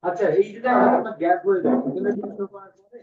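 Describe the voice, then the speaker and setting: A man teaching an English class, coaxing students slowly and repeating words for them. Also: high voice, fairly even intonation. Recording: echoey room, distant lo-fi mic.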